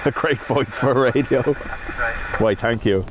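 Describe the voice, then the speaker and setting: Sitting in a van near an airport, this livestream host talks a little slowly in a mid-range voice. He reads viewer comments aloud and keeps the chat casual, joking and poking fun at himself, using a wind-filtered wireless microphone that picks up outdoor wind noise.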